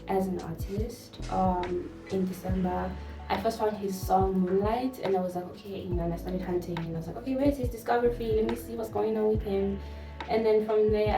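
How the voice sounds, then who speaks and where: Roomy, distant-sounding woman chatting casually. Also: medium pitch. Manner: informal, rambling, slangy. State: tipsy, smoking and drinking. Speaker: music vlogger hosting her own channel. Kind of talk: casual vlog chat to camera. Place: garden with a fan running. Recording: roomy, distant mic, music behind.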